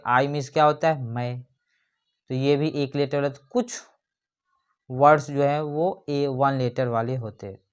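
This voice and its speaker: Slow, patient grammar teacher. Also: mid-range voice, smooth. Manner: reads definitions slowly, then explains them with rhetorical questions. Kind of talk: explanatory lesson.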